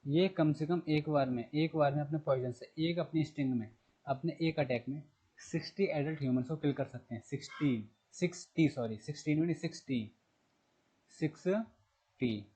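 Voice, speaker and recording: A man teaching a recorded general knowledge class. His voice sits a little high and has a husky edge. He repeats each key term, asks the class questions and answers them himself, and spells words out slowly letter by letter. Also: dark tone, poor audio.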